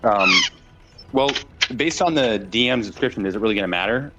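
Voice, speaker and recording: A man thinking aloud with pauses while playing a tabletop game over a video call. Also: lowish voice, animated, heavy background noise. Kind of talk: casual online game chat.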